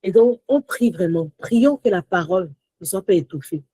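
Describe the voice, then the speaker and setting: A woman teaching a sermon with great animation, slipping English phrases into her French and swinging from shouts to soft whispers. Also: on the low side, expressive, moderate pace, husky, dry recording, rough recording. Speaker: prayer teacher.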